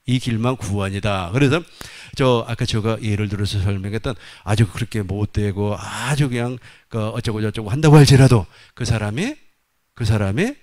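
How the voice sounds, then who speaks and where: A man preaching a sermon, repeating his points emphatically and dropping folksy asides. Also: fairly low pitch.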